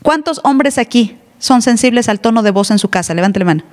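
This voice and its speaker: A woman's voice: a little high, expressive, fairly quick, a little mellow. A woman pastor, preaching an emphatic, teasing sermon in church. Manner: emphatic, teasing, plays other voices. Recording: live church hall reverb.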